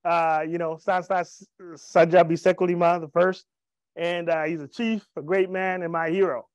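On a stage in an event room, a man in his thirties pitches to a live audience with humor and energy, weaving in stories from his own life while holding a handheld mic. His voice sits on the high side with little pitch movement, his pace is moderate, and no room sound comes through.

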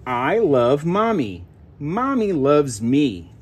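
Speaking slowly in a fairly high, slightly rough voice, a father reads and chats casually with his toddler daughter in a carpeted room at home. He's very animated, prompting her playfully with simple questions.

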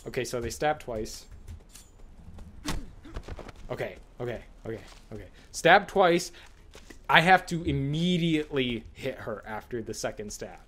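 A man's voice: mid-range voice, animated, normal speed, pauses often, fairly bright tone, slight background noise. A man giving casual, exasperated, sweary commentary while he plays a horror video game. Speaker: gamer commentating on own play.

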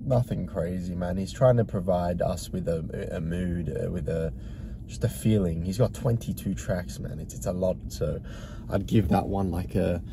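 A man's voice: sits low, moderate pace, creaky, background noise. Nasal, congested young man reviewing music. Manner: relaxed and rambling, hesitant with fillers. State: congested, sniffling from hay fever. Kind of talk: casual album review. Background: hip hop music playing.

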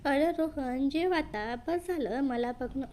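A woman's voice: high voice, slow pace, darkish tone, a little hiss or hum. A woman voicing a teasing, bossy middle-aged aunt in a read-aloud story, scolding playfully.

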